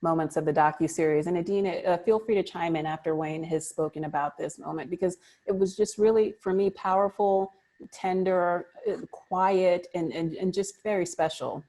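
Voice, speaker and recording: A woman with a slightly low voice runs a press panel. She is bubbly and teasing, laughing often between her questions. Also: steady tone, normal speed, dark tone. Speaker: press conference moderator. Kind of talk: moderating a panel.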